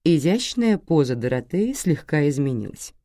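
Woman reading an audiobook, low voice, lively delivery, dry close mic. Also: moderate pace, no echo. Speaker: audiobook narrator. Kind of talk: scripted narration.

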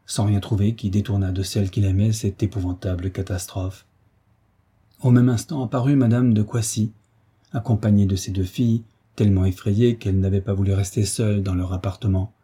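A man narrating a classic French adventure novel in a measured, even storytelling manner. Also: on the low side, breathy edge. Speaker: audiobook narrator. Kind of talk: scripted narration.

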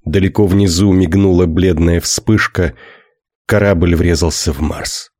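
A man narrating a science fiction audiobook in a steady, measured way. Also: deep voice, no room sound, studio quality.

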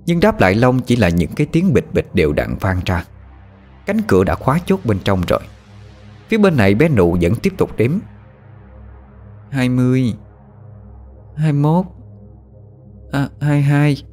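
A man's voice: on the low side, huge pitch swings, fairly quick, a little mellow, soft background music. A man narrating a ghost story with dramatic, suspenseful storytelling.

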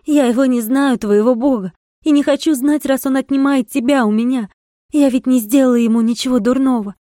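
A woman's voice: on the high side, steady tone, moderate pace, dark tone, dry recording, clean studio sound, lightly acted. A woman reading aloud, voicing a wild, passionate young village woman who pleads and argues. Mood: defiant. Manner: pleading, impassioned.

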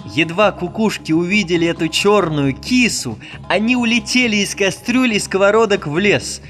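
A man narrating a children's fairy tale, in a lively, expressive storybook style. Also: high voice, normal speed, faint music behind. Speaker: audiobook narrator.

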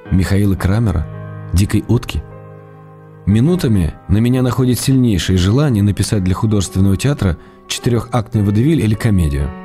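In a radio drama, an actor plays an ailing middle-aged writer reading his love letters, with an intimate, measured, wry delivery. His pitch is fairly low, close to an everyday voice.

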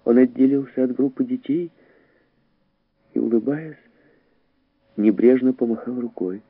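A man reading an audiobook story aloud in a dramatic, expressive way, heightening his voice for the characters. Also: medium pitch, measured pace, husky, dry recording, narrow, tinny audio. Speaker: audiobook narrator.

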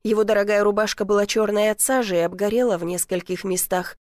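A woman narrating a first-person audiobook in an emotional, expressive way. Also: mid-range voice, fast, no room sound, studio quality.

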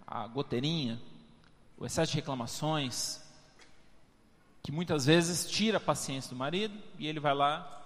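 A man's voice: fairly high pitch, normal speed, long pauses, long reverb tail. A male pastor preaching a conversational, humorous sermon, often tagging his sentences with questions to the congregation. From Brazil. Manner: humorous, conversational, constant tag questions, addresses congregation as "amados". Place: church hall.

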